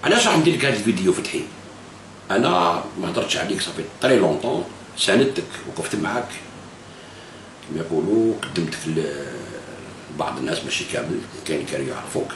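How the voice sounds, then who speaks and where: A man's voice: low-pitched, very animated, quick pace. A man with an Algerian Arabic accent, delivering political commentary straight to camera, slipping into French and repeating phrases for emphasis. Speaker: political video blogger. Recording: echoey room with faint hiss.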